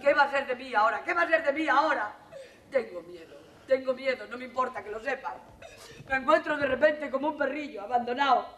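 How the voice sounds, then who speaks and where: In this stage comedy, recorded for 1980s television in a theater with audience laughter, a revue's lead actress plays a luckless jilted woman, funny yet heartbroken. Her high voice is pushed and bright, with a roomy sound and slight background noise. The mood is heartbroken pleading as her quick comic asides shift into tearful begging before the live crowd.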